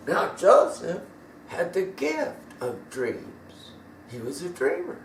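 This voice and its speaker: A man tells a children's bible story in a casual, emphatic way. His voice is high and swoops widely as he talks slowly. He sounds far from the mic in an echoey room with faint noise behind. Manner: animated, emphatic, casual grammar.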